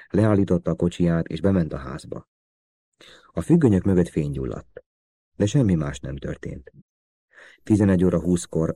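A man narrating a thriller audiobook in a steady, even storytelling manner. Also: sits low, no room sound. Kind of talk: scripted narration.

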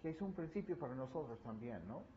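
A man's voice: mid-range voice, expressive, fairly quick, mellow. A middle-aged man, preaching a conversational sermon in church and acting out little quoted scenes with humor. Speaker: pastor. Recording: slightly dull recording with faint background noise.

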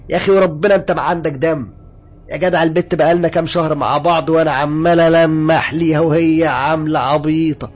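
A man voicing a joking, superstitious young male coworker with an Egyptian accent, loud and excitable. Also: lowish voice, vocal fry, slightly rough, voice pushed up, exaggerated voice. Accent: Egyptian Arabic.

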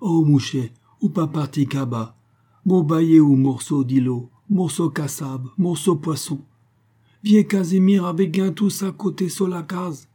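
A man's voice: on the high side, a little slow, dark tone, slightly rough, pitched above the performer's own voice. A man voicing a kind, humble old male leper in an audiobook, speaking broken creole-style speech with pleading cries. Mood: eager, proud. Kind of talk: audiobook character voice.

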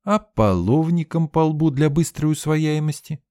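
Bossy, shrill young woman in the kitchen, put on by a male narrator; high, lively, scolding. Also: measured pace, clear, resonant tone. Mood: quizzical. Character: bossy young female student cook, quick-tempered.

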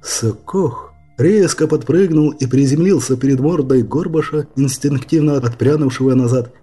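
A man's voice: medium pitch, moderate pace, mellow, husky. Male audiobook narrator, faint music.

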